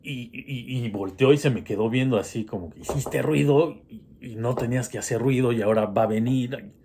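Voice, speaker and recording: A man's voice: mid-range voice, moderate pace, dark tone, a little hiss or hum. A man telling a personal horror story in a casual, hesitant way, with many restarts.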